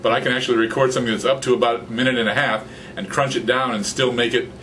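Rapid-fire and mid-range, a fifties-aged podcaster talks in a casual interview chat with a guest, with a little hiss or hum in the audio. They're in a small office with computers, he's using a studio condenser mic on a stand in front, and he's animated, gestures a lot and gets excited.

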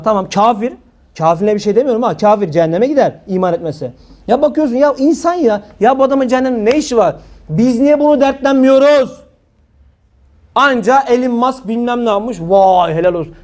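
A man preaching in a fervent, scolding tone. His voice sits very high for a man, and he keeps firing rhetorical questions at his listeners. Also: a little mellow. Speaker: religious preacher. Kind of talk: impassioned sermon-style talk.

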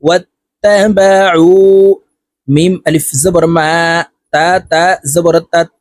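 A man teaching Quran reading, spelling out each letter and vowel, then reciting the words in a slow drawn-out chant between brisk explanations. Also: a little high, little pitch movement, no room sound.

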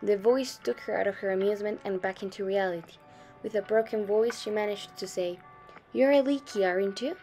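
A young woman reads a short story aloud in a mellow, warm tone, keeping a steady storytelling pace. Soft music plays faintly underneath her reading. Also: mid-range voice, brisk. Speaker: student reader.

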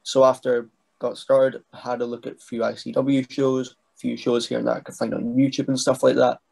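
A young man, talking as a guest on a video call interview, soft-spoken and hesitant with restarts. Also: mid-range voice, little pitch movement, fairly quick, creaky. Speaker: guest, wrestling writer and trainee. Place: small bedroom indoors. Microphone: webcam mic on video call.

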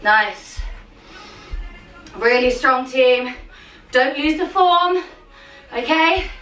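A young adult woman with a high, bright, expressive voice coaches a home workout in short commanding bursts, counting down and cheering like a motivating gym coach. She speaks unhurriedly, leaving gaps between cues. A camera a few metres away in her small living and dining room captures her, so the sound is roomy and distant, with music underneath.

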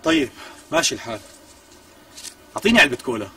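A pushy, wheedling Syrian bargainer. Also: male voice, mid-range voice, very animated, quick pace, pushed and bright, breathy edge, exaggerated voice. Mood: polite. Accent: Syrian Arabic. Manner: coaxing, wheedling, insistent. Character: smooth, pushy man bargaining hard. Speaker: persistent visitor. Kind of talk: TV comedy acting.

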